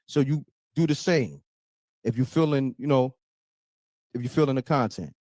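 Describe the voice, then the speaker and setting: A man's voice: medium pitch, normal speed, a little mellow, no room sound. A man hosting a live call-in show, talking casually and hyping up his audience. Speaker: livestream host taking calls. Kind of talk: casual hype talk show.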